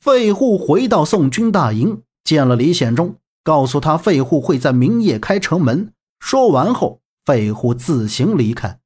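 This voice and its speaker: A storyteller narrating a serialized historical novel in an expressive manner. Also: mid-range voice, measured pace, few pauses, slightly rough.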